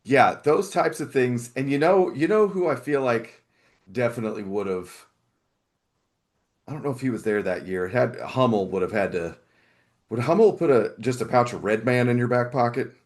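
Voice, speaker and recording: A man's voice: mid-range voice, lively intonation, normal speed. Male co-host, middle-aged, mid-range voice, informal conversational delivery. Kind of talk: casual chat.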